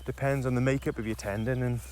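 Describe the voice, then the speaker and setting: A male physiotherapist co-hosting a podcast, chatting casually and explaining in halting restarts while walking outdoors. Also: medium pitch, fairly even intonation, a little mellow, a little hiss or hum. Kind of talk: casual chat on a walk. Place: outdoors in woods on a walk. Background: faint birdsong and nature ambience.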